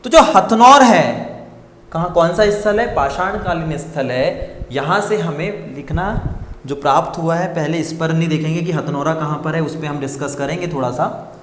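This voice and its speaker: A man's voice: on the high side, normal speed, fairly bright tone, roomy sound, big-room sound, slight background noise. A man teaching an exam coaching class, asking questions and answering them himself, repeating key points again and again. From India. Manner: repetitive, quizzes students and answers himself.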